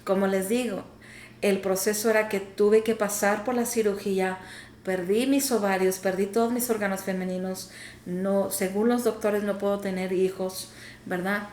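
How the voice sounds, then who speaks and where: A woman's voice: mid-range voice, steady tone, moderate pace, darkish tone, a little hiss or hum. A woman co-host earnestly sharing her personal testimony, hesitating often with fillers. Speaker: podcast co-host. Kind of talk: casual faith talk, personal testimony. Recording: echoey room, faint ambience.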